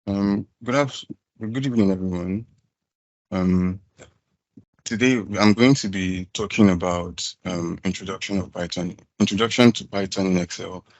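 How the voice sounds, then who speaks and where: A man's voice: sits low, normal speed, a little mellow, dry recording, lo-fi sound. A man presenting an online tutorial through a wired headset on a video call, with crackling, distorted mic audio and a hesitant delivery full of fillers. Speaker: guest presenter.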